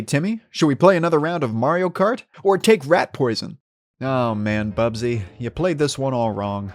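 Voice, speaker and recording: A young man narrating a scripted video game review in a wry, sarcastic way. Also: mid-range voice.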